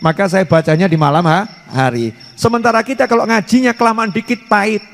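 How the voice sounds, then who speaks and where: High-voiced preacher, reverberant hall. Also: male voice, brisk, vocal fry, fairly bright tone. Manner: playful, asks the audience questions, slips into dialect words. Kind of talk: informal sermon to a women's gathering.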